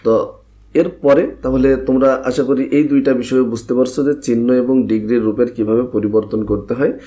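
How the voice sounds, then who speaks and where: A man's voice: medium pitch, steady tone, normal speed, mellow, slight background noise. A man teaching an English grammar lesson to students, explaining step by step and asking questions that he answers himself.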